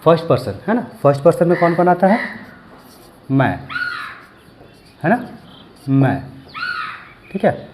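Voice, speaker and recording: A man giving a language lesson, slowly repeating each word and asking and answering his own questions. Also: on the high side, sing-song, noisy background. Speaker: language teacher.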